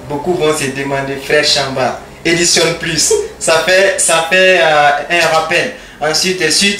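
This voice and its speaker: A male radio host with a bright, forward voice who keeps repeating his guest's words and pausing on fillers. He sits a little back from the mic in a studio with a roomy echo. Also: fairly high pitch, recorded from a distance, a little hiss or hum. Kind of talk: radio interview.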